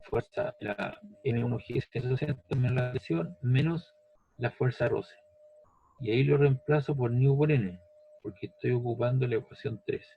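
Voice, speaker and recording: A man's voice: mid-range voice, moderate pace, creaky, slightly rough, highs cut off. A man teaching a physics lesson step by step, patient, repeating each step and checking that the student follows. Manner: patient, repeats steps, asks "¿ves?" and "¿cierto?".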